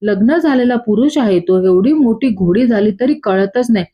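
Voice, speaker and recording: A woman's voice: a little high, animated, normal speed. A woman reading as a furious scolding mother. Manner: shouting scolds. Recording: dull lo-fi.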